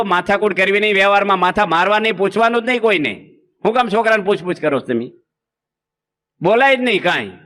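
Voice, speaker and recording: A man's voice: high voice, bright, forceful tone. A man, a monk giving a humorous sermon in a folksy style and acting out village anecdotes. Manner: folksy, acts out village anecdotes with quoted voices. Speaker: Swaminarayan monk preacher.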